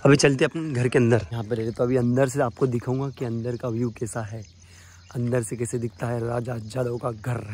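A man's voice: medium pitch, steady tone, normal speed, darkish tone, a little hiss or hum. A man with an Indian Hindi accent vlogging casually outdoors around his family house, chatty and upbeat as he talks to his viewers. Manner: chatty and upbeat, addresses friends. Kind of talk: casual vlog, home tour. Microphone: handheld phone camera.

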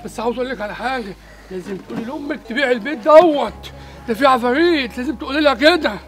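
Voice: sits high, rapid-fire, over music, lightly acted. A performer playing a panicky household worker and father with an Egyptian Arabic accent, pleading and jittery in a comedy skit.

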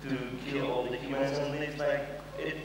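A young man from Poland, speaking at medium pitch in a level tone and at a moderate pace, gives a relaxed, humorous conference talk loaded with fillers and an occasional swear word. Captured by a distant mic, the large, echoey hall with its audience sounds noisy.

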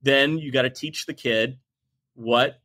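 A bright, forward-sounding male voice at an ordinary middle pitch. He is a man in his forties talking as a podcast guest, emphatic and animated. He now and then slips into acted-out quotes of other people. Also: takes it slowly. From United States. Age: 40s. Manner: emphatic, animated storyteller who acts out quotes. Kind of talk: conversational interview.

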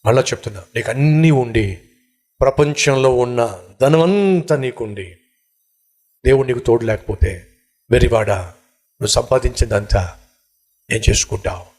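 A man's voice: mid-range voice, moderate pace, pauses often, a little mellow. A man preaching a sermon as a pastor, asking the congregation rhetorical questions.

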